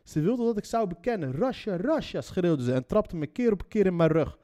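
Sarcastic man with a lively high voice. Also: a little fast. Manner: mocking and sarcastic, swears freely. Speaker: commentator reading out a news article. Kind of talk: sarcastic reading with commentary.

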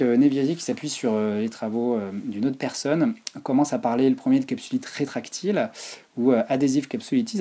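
A man's voice: medium pitch, dark tone, slightly rough. A man giving an informal, explanatory online lecture on physiotherapy.

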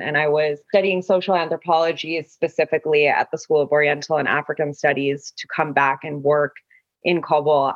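Woman, from Afghanistan, low pitch, measured reflective interview talk, searching for words, dry slightly lo-fi sound. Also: no echo. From Afghanistan, also raised in Russia and the US. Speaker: guest artist.

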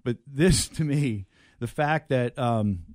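A man's voice: medium pitch, slow, darkish tone, no echo. Casual male host, close dry sound. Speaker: host of a comedy clip show. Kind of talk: casual show chat introducing clips.

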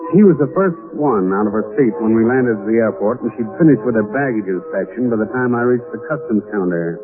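An actor playing a dry, sardonic hard-boiled detective who also narrates a 1940s radio drama. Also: male voice, on the low side, expressive, brisk, natural voice. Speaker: narrator and lead. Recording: tinny old radio broadcast with music.

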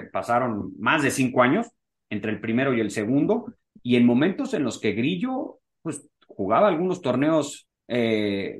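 A man co-hosting a casual golf podcast, talking in long rambling sentences full of fillers. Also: mid-range voice. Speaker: podcast co-host.

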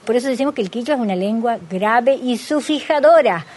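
A woman's voice: fairly high pitch, lively intonation, a little fast, darkish tone. A woman from Santiago del Estero with a local Argentine accent, explaining patiently as an interviewee and giving examples, often checking in with "¿has visto?". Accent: Santiago del Estero Argentine Spanish. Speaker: interviewee, Quichua teacher. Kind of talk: explanatory conversation.

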